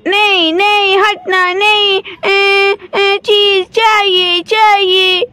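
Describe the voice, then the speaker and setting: A woman's voice: extremely high pitch, little pitch movement, drawn-out words, very noisy, heavily acted. A woman voicing a stubborn little boy in a doll story who whines and demands snacks. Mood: whiny.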